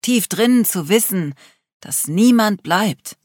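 A man's voice: high voice, animated, takes it slowly, darkish tone, no room sound, clean studio sound, heavily acted. A reader voicing a sarcastic young man in despair. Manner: raw, increasingly despairing outburst. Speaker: character in an audiobook. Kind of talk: audiobook reading.

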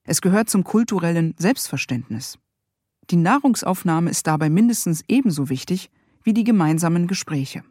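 A mid-pitched narrator reads their own memoir with a deadpan, wry wit. The sound is close and completely dry, as if captured in a small recording booth. The delivery is steady first-person storytelling. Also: moderate pace, no room sound. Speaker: author reading own memoir.

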